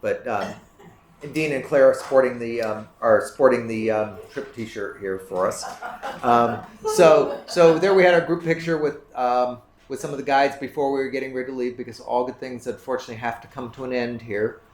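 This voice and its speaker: A man's voice: medium pitch, normal speed. Man, club presenter, casual slideshow talk, rambling, self-correcting, roomy echo. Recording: roomy room echo, faint background noise.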